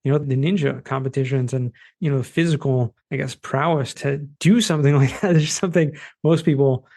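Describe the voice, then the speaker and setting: A man's voice: medium pitch, fairly quick, creaky, a little mellow. A man with a Boston accent hosting a podcast interview, talking loosely with lots of fillers. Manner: loose, chatty, with many fillers. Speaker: podcast host. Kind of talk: casual interview chat.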